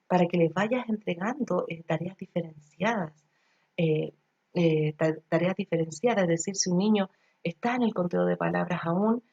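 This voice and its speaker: Woman, lecturer: low, creaky voice, dull lo-fi laptop recording, explanatory teaching tone. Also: darkish tone. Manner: explanatory, addresses listeners directly, frequent fillers. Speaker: early childhood education lecturer.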